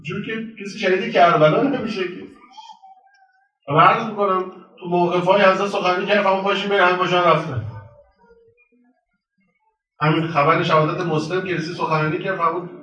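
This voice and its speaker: A man giving a religious sermon in a colloquial storytelling way, moving between raised and hushed delivery. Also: high voice, steady tone, long pauses, muffled recording. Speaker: preacher. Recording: very echoey hall, voice from far off.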